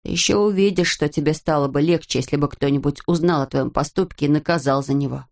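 A woman voicing a small female inner conscience in an audiobook, slow, low and scolding. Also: a little mellow. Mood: stern. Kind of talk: audiobook character voice.

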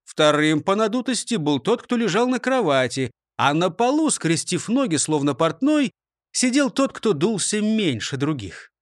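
Lively male storybook narrator. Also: high voice, normal speed, dry recording, clean studio sound. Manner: lively, talks to the listener.

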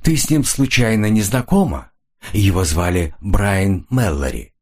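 A male audiobook narrator, his voice lowish and a little slow, reads the part of a cold, hard-edged man who keeps pressing a nervous woman. The delivery is flat, insistent, and coolly menacing.

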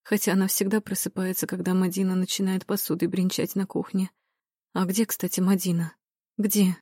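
A woman's voice: lowish voice, little pitch movement, moderate pace, warm tone, husky, dry recording, clean studio sound. A woman voicing a bossy, motherly older housekeeper who talks in a raised, scolding but cheerful tone. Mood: fretful.

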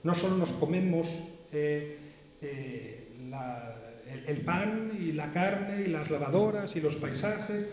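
A man lectures at a seminar in a mellow, fairly high voice, building his points through chains of rhetorical questions. He pauses often and hesitates mid-sentence. The sound is roomy, with a long hall reverb trailing each phrase. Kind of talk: philosophical lecture. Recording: echoey hall, distant reverb.

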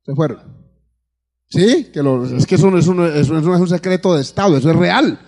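A man's voice: fairly high pitch, expressive, fairly quick, a little mellow. A man with a Colombian accent preaching to his congregation as a pastor in church, calling out amens and asking them questions, often repeating words as he searches for the next one. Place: church before a live congregation.

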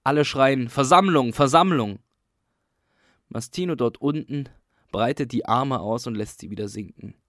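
A man doing a calm literary reading for a radio program. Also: medium pitch, moderate pace, no echo, clean studio sound. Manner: calm storyteller. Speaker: reader.

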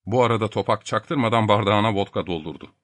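A man narrating an audiobook in a measured storytelling manner. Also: fairly low pitch, no room sound. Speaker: audiobook reader. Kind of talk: scripted narration.

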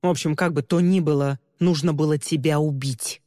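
A woman voicing a cruel woman villain who mocks and scorns in a low, dark voice. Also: steady tone, moderate pace, dry recording, clean studio sound, in a large hall, close to an everyday voice. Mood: scornful. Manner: sneering, contemptuous, mocking.

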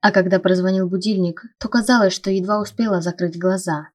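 A woman narrating a first-person fantasy audiobook in a steady storytelling read. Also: medium pitch, a little fast.

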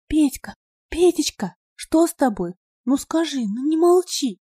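A woman's voice: high voice, lively intonation, a little slow, dark tone, no room sound, studio quality, pitched above the performer's own voice. A woman voicing a frightened young girl, anxious and breathless.

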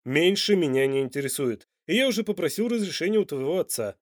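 A man's voice: fairly high pitch, animated, fast, dry recording, clean studio sound, close to an everyday voice. A man playing a blunt, passionate, demanding Italian lover in an audiobook. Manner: blunt and insistent.

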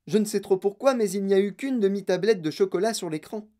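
A woman reading aloud and voicing an eccentric, excitable man who owns a chocolate factory, in a theatrical, exclaiming manner. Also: mid-range voice, fast talker, pitched above the performer's own voice, natural voice. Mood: breezy. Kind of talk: audiobook reading.

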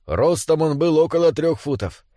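A man narrating a storybook in an expressive, measured manner. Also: on the high side, no echo, clean studio sound. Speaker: audiobook narrator.

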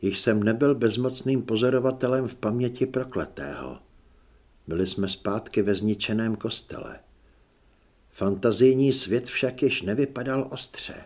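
Male audiobook narrator, lively delivery. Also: lowish voice. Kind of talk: scripted narration.

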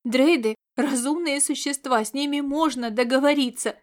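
A woman's voice: sits high, normal speed, close to an everyday voice. A woman voicing an indignant female station chief who argues with a commander.

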